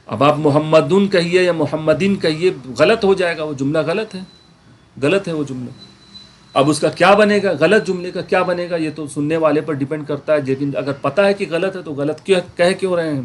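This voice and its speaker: A man teaching a Quran grammar class, explaining patiently, checking in with his students and slowly repeating words to show how they are said. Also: a little high. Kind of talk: online class lecture.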